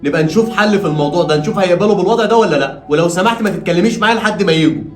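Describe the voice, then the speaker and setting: Cast an actor as a stubborn young Egyptian husband: rapid-fire and insistent, with a roomy echo. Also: male voice, sits high, lightly acted. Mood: stern. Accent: Egyptian Arabic. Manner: heated, insistent. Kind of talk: short-film acting. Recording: roomy echo, faint music.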